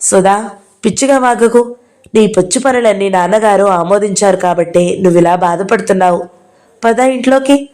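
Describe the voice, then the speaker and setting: A woman voicing a calm, firm young woman who speaks steadily and pleads in an audio novel. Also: medium pitch, normal speed, close to an everyday voice.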